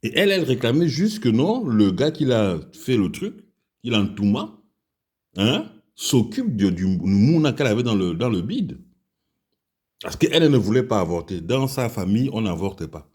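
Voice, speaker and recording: His voice is medium in pitch, a little mellow and husky, very animated yet moderately paced. This commentator from Gabon, speaking with a Gabonese French accent, angrily tells a crude personal story over and over while condemning the country's leaders.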